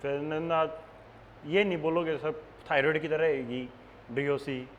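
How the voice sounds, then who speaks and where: A young man with a Haryanvi accent teaches a nursing exam class, chatting, joking and calling his online students "beta." His voice is on the high side and fairly bright, with fairly even intonation and a measured pace. The highs are cut off, and the room adds long reverb and faint background noise.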